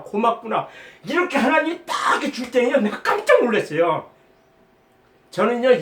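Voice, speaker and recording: A man's voice: extremely high pitch, fairly bright tone. A middle-aged man giving an earnest, rambling spoken testimony as a lay preacher, emphatic and quoting his prayers. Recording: echoey room, voice from a distance.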